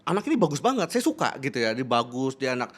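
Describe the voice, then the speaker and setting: A man's voice: medium pitch, very animated, fast talker, fairly bright tone. A man who is a business coach, explaining in a podcast conversation, laughing often and acting out interview exchanges.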